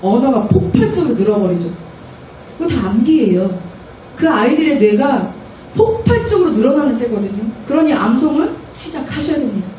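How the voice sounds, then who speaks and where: A high-voiced woman missionary preaching with lively energy, now and then slipping into children's voices. She sounds distant from the mic in a strongly echoing church hall, with faint room noise underneath. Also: fairly quick. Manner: animated, acts out children's voices. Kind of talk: sermon at a prayer meeting. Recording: echoey room, mic far off.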